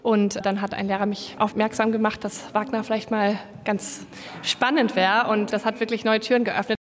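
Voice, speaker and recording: A woman's voice: mid-range voice, flat delivery, normal speed. Young-sounding woman singer, echoing hall. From Dresden, Germany. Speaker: singing student.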